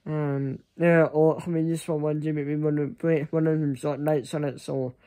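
A young man chatting casually to camera in a halting, rambling way that often trails off. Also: fairly high pitch, little pitch movement, dark tone. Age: young adult. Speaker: vlogger. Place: small furnished room indoors. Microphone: phone at arm's length.

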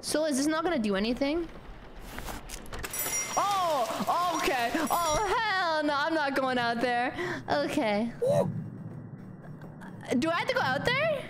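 Young woman streamer, giggly, lots of um, slow drawl, noisy rain behind her. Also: sits high. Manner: talks to chat, animated, giggly, mumbles "um" often. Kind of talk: casual gameplay commentary.

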